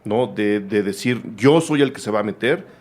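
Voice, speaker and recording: Chatty film-show host. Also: male voice, fairly low pitch, lively intonation, normal speed, a little mellow. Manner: chatty, rambling asides. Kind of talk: casual interview conversation.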